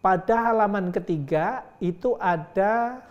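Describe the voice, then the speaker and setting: A man's voice: high voice, measured pace, muffled recording. A middle-aged man giving a lecture on teaching Quran reading, patiently drilling syllables aloud and praising as he demonstrates.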